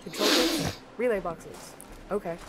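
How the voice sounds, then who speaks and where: A woman's voice: lowish voice, lively intonation, measured pace, heavy background noise. A woman playing a tough, guarded young female free runner, speaking in a dry, curt way. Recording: game audio, distant and quiet.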